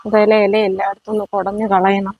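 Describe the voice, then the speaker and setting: A woman chatting to her viewers as friends while she clears plants in her yard, working as she talks. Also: mid-range voice, little pitch movement, brisk, no echo, muffled recording. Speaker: vlogger. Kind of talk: casual chat while gardening. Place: outdoors in a home yard.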